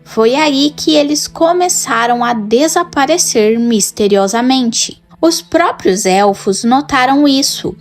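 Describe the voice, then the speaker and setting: A woman with a Brazilian Portuguese accent narrates a scripted lore piece, her voice sitting a little high. She takes her time, laying out each line in a measured, dramatic way. Faint music plays underneath. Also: lively intonation. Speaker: lore channel host.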